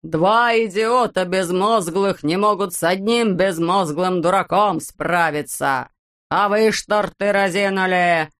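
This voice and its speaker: A fairly low, clear, resonant female voice brings to life an audiobook's greedy, bald, domineering landowner. Enraged, the character screeches, stretches his words into drawn-out yells, and calls people names.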